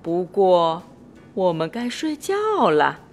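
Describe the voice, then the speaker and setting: A woman's voice: mid-range voice, takes it slowly, faint music behind. A woman voicing a patient, sleepy male barnyard friend who soothes the little ones to sleep. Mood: soothing. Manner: calm, soothing, yawning.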